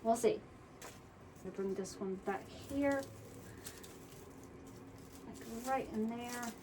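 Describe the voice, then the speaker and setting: A woman's voice: on the high side, takes it slowly, distant mic. A chatty woman walks through a crafting project, half talking to herself as she works. Her voice sits a little back from the mic, with a faint hiss of background noise underneath. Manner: chatty, mutters to herself while working. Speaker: wreath-making tutorial host. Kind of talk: casual crafting tutorial.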